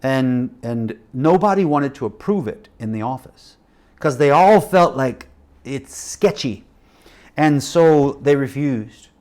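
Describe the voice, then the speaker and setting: Middle-aged man, sermon storyteller, lively and dramatic, swings from loud to hushed. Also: mid-range voice, slow. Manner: animated storytelling with acted quotes and shifting loudness. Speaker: missionary preacher.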